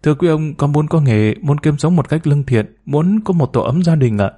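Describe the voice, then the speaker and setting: Male reader doing a meek, hesitant woman around forty, pleading and deferential, mellow voice. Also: fairly high pitch, animated, fairly quick, slightly rough. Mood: humble. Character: timid humble woman about forty, former bar girl.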